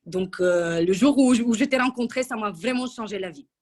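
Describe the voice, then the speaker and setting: A woman's voice: mid-range voice, normal speed, darkish tone. A woman in her thirties giving a casual testimonial in an interview, chatty and full of restarts. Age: 30s. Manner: chatty, with many restarts and fillers. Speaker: coaching client giving a testimonial.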